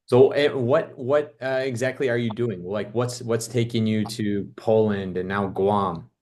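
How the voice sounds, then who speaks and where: A man's voice: fairly low pitch, a little slow, darkish tone. A man interviewing a guest in a casual, upbeat, encouraging way.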